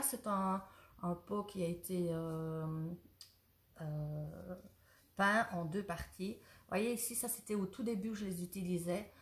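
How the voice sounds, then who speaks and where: A woman who owns a ceramics shop, chatting eagerly through a casual product demonstration and sometimes losing her thread. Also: medium pitch. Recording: roomy echo.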